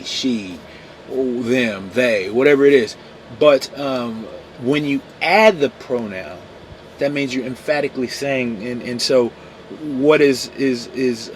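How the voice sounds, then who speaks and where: A man's voice: medium pitch, slight background noise. A man hosting a daily Bible devotional podcast, talking casually, often saying "man" and correcting himself as he goes. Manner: laid-back, peppers talk with "man", self-corrects.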